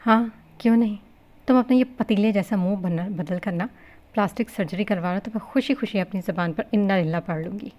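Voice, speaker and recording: A woman voicing a defiant young bride with a sharp, taunting tongue, in a novel reading. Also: mid-range voice, lightly acted. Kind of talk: novel reading with character voices.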